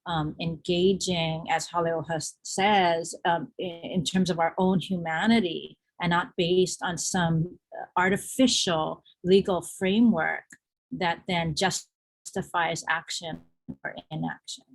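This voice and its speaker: Reflective woman panelist, low voice. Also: slow, low-quality recording. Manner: reflective and animated, with emphatic asides. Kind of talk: symposium panel discussion.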